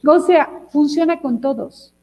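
A woman co-hosts a casual talk show, telling stories with lively energy. Her voice sits high yet sounds soft and mellow. A long reverb trails behind her words. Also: unhurried. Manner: lively storyteller, demonstrates techniques. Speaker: co-host. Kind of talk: casual chat.

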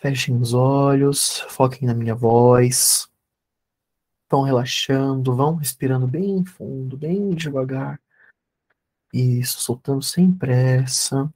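A man teaches an online workshop over a video call, then leads a guided meditation. He speaks unhurriedly in a dark, mellow voice. His instructions are calm and repetitive, with a therapist's steady focus. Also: medium pitch, slow. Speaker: therapist leading an energy workshop.

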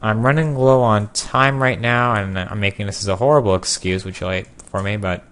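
A young man casually commenting on his own gameplay, joking and sarcastic, with sudden loud outbursts. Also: lowish voice, steady tone, normal speed. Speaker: gameplay video creator.

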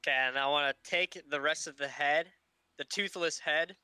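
A man's voice: fairly high pitch, normal speed, bright, forceful tone, clear, resonant tone, no room sound. A man talking casually as a player in a tabletop game.

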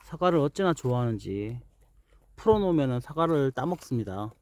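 A man's voice: medium pitch, big pitch swings, a little fast, darkish tone, no room sound. A man casually narrating a homemade pet video outdoors while he films, now and then chatting to the animal. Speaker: vlogger filming own dog. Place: outdoors in an apple orchard.

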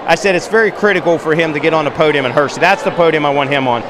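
A middle-aged man, a wrestling coach, giving an animated postgame interview into a handheld mic in a high school gym. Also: rapid-fire. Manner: animated, gesturing while standing. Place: high school gym, large indoor space. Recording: noisy gym background.

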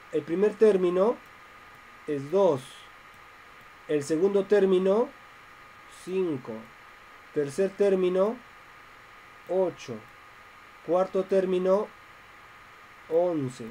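A man's voice: high-pitched, drawn-out words, long pauses, mellow, a little hiss or hum, low-quality recording. A man teaching a math class online, explaining step by step and asking his students questions.

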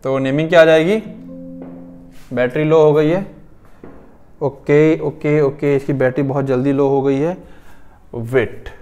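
A young man with an Indian accent giving a pharmacy chemistry lecture, switching between Hindi and slowly read English lines and often checking in with his students. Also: a little high, steady tone, mellow, soft background music. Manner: reads English lines slowly, explains in quick Hindi asides; counts atoms aloud, checks with "ठीक है ना".

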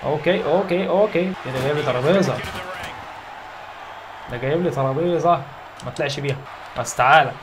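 A young Egyptian man playing a wrestling video game, cheering, shouting and trash-talking his opponent as he commentates. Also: fairly high pitch, fast talker, long pauses. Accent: Egyptian Arabic. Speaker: gaming YouTuber. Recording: loud crowd noise from game. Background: loud game arena crowd.

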